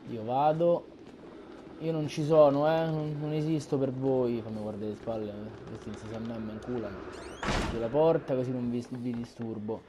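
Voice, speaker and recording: Jumpy, swearing gamer. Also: male voice, medium pitch, fairly even intonation, moderate pace. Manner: jumpy, swears, talks to game characters. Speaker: gaming YouTuber. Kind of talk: horror game commentary. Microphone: headset earphones. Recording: audible background noise.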